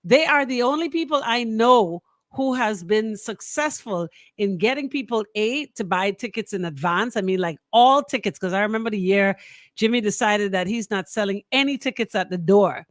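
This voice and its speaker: Lively radio banter comes from a woman with a Bahamian accent who speaks at a moderate pace in a medium pitch with animated intonation. Colloquial and emphatic, she repeats phrases for emphasis and plugs sponsors, all in studio-quality sound with no room noise.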